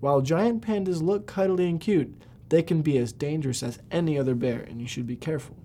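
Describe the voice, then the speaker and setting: A man narrates scripted podcast facts in a somewhat high, relaxed and mellow voice. He reads aloud and now and then stumbles on a word. A faint low rumble sits behind him. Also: brisk. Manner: reading aloud with occasional stumbles. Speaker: podcast host.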